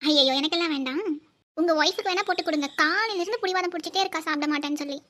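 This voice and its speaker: A woman voicing a bossy, squeaky young sister. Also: rapid-fire, pushed and bright. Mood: grumbling. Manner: scolding, bickering. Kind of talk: cartoon voice acting.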